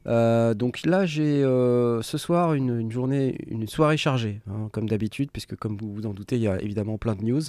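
Playful host of a livestream. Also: male voice, medium pitch, normal speed, few pauses, warm tone, no echo. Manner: playful, teasing, laughs often. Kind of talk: casual livestream chat.

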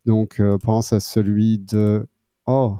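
Belgian-born guy chatting on a stream, dark mellow voice, lots of euhs, dry sound. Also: fairly low pitch, level tone, takes it slowly, no echo. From southern Belgium. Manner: hesitant, many fillers and restarts. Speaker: guest, synth controller maker. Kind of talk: casual live-stream chat.

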